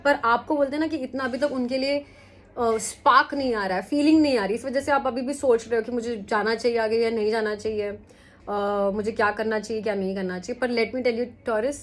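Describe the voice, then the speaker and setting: Chatty woman giving a tarot reading. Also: a little high. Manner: chatty, mixes English into Hindi, repeats "ठीक है?". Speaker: tarot reader. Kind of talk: weekly horoscope tarot reading.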